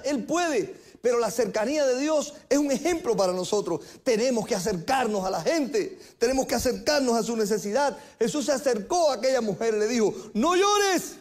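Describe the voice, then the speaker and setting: A middle-aged man with a notably high-pitched voice delivers a sermon from a church pulpit. He preaches earnestly, repeating phrases and slowing down to press his key points home. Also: a little mellow. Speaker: pastor. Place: church sanctuary.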